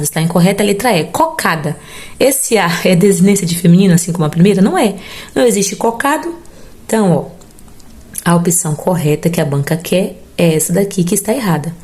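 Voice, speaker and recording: A woman's voice: on the low side, darkish tone. A woman teacher with a Brazilian Portuguese accent works through grammar questions for test-takers. Her delivery is casual and encouraging, and she explains one step at a time while checking that her listeners follow. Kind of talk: exam-prep grammar lesson.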